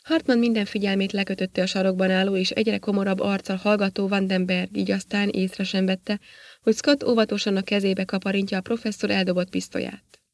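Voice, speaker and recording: A woman narrating a novel in an even, measured reading. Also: medium pitch, no room sound. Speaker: audiobook narrator. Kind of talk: scripted narration.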